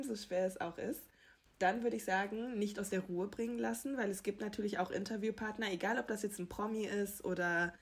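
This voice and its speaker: A young woman working as a TV entertainment reporter, telling anecdotes in a chatty, self-deprecating way with frequent laughs. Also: mid-range voice. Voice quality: husky. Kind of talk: casual interview answers, anecdotes.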